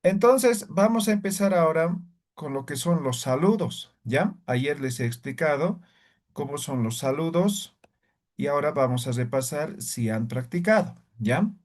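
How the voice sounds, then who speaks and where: Slow, patient male language teacher. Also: on the high side, expressive, a little mellow. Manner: patient, checks in with short tag questions. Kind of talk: online class instruction.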